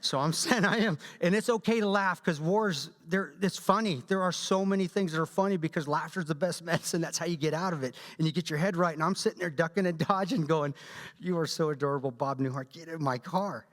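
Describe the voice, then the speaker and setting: A man giving a talk at a church, telling a combat story in an animated way and acting out quotes. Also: sits high, fairly quick, few pauses. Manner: animated storyteller, acts out quotes, laughs often. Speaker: guest speaker. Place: church hall. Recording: long hall reverb.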